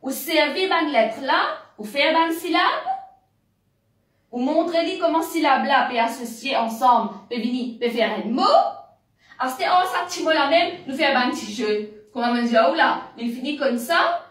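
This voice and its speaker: A woman teacher, slowly spelling out letters and syllables in a reading lesson for parents. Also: high-pitched, a bit bright. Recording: roomy, distant mic.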